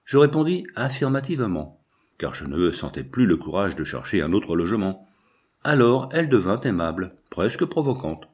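A man's voice: on the low side, very animated, moderate pace, a little mellow, husky. A man reading a first-person novel aloud as an audiobook narrator, telling the story expressively.

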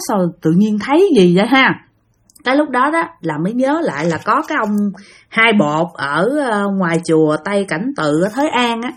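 A woman with a Southern Vietnamese accent retelling a ghost story in a conversational way, speaking directly to her listeners. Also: mid-range voice.

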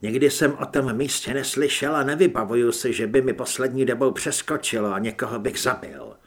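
A man's voice: medium pitch, expressive, natural voice. A man voicing a tough male monster hunter who answers with curt, dry replies. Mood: defiant.

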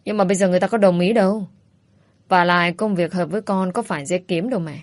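A woman's voice: lowish voice, quick pace, no room sound, studio quality, natural voice. A woman voicing a bold young woman who talks bluntly and playfully. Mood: pleading. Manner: blunt, teasing.

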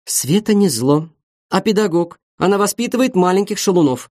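A man's voice: high-pitched, expressive, moderate pace, a little mellow, voice pushed up. A man voicing Vanya, a naive, pompous young man speaking earnestly and mock-formally.

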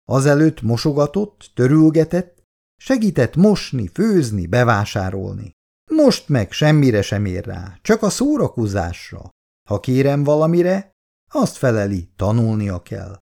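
A man's voice: mid-range voice, wildly swooping pitch, gravelly, warm tone. A man voicing a worried middle-aged mother who frets, scolds and laments. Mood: fretful scolding. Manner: fretful, complaining and lamenting.

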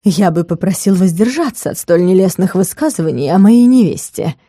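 A woman's voice: on the low side, animated, fairly quick, mellow, slightly rough, dry recording, studio quality. A woman voicing a smug werewolf baron. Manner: smug, insolent. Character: brash seductive male werewolf baron. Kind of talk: audiobook character voice.

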